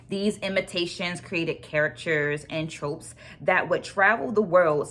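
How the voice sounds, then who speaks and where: A woman with a slightly low, somewhat bright voice hosts an online book club vlog, sharing takeaways and reading quotes aloud. She presents her notes and thoughts deliberately, leaning on key phrases and repeating them for emphasis.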